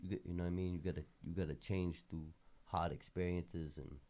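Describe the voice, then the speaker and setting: This Boston-accented podcast host from the Boston area, Massachusetts, has a low, warm voice with fairly even intonation and a fairly quick pace. His talk is casual and full of street slang, rambling along emphatically.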